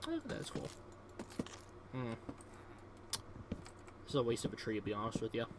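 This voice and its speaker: A man's voice: medium pitch, very animated, normal speed, creaky, noisy background. A young man, casually commentating on his own gameplay in a rambling, upbeat way, full of fillers. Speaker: gaming video host.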